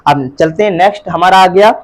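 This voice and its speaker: A man teaching a live Hindi alphabet class, leading pupils in call-and-repeat and chanting the letters loudly while coaxing them along. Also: high-pitched, brisk. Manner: coaxing, calls pupils beta and bhaiya. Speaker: tutor.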